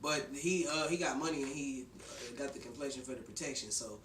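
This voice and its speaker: A man's voice: medium pitch, brisk, a bit bright, echoey room, a little hiss or hum. A young man hosting a casual podcast chat, laughing often and steering the segments. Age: young adult. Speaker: podcast host.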